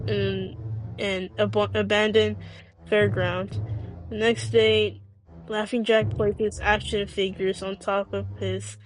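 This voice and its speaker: A woman reading a scripted story aloud as narrator, halting and often stumbling and repeating phrases. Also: medium pitch, poor audio.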